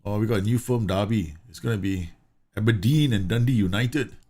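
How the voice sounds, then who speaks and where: A gaming streamer from Singapore live-streams a football management game, chatting casually, reading the game's news aloud and laughing often. His lowish voice is mellow and fairly quick.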